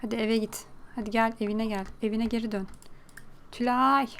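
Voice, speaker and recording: A woman giving casual, teasing commentary while playing a life-simulation game, reacting lively to what happens. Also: fairly high pitch, normal speed, slight background noise. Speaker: gaming video creator.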